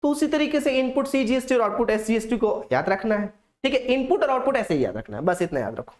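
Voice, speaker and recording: A man's voice: very high-pitched, big pitch swings, fast, darkish tone. A young man teaching a classroom accounts lecture in Hindi, asking the students questions aloud and answering them himself. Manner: coaxing, talks straight to the students.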